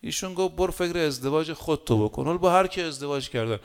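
A man preaching a sermon in a conversational, folksy way, full of rhetorical questions and short anecdotes, swinging between loud emphasis and quiet asides. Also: fairly high pitch, expressive, clear, resonant tone.

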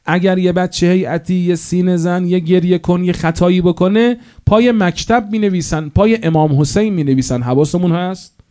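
A man's voice: high voice, dark tone. A male cleric preaching a sermon in an impassioned, storytelling manner, rising to emphatic peaks.

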